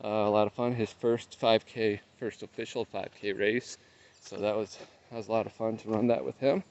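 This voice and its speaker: A man's voice: fairly low pitch, steady tone, normal speed, darkish tone. A man in his thirties talking casually to his phone while out on a long run, giving a vlog update. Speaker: trail running vlogger. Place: outdoors on a trail in open nature reserve. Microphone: phone held at arm's length. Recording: muffled lo-fi outdoor phone audio, noisy.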